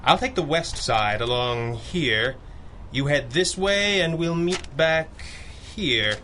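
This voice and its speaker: An actor playing a composed, commanding masked crimefighter in a 1930s radio drama, measured, formal and dryly wry. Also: male voice, a little high, animated, sharp tone, a little hiss or hum, full character voice. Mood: grave, businesslike.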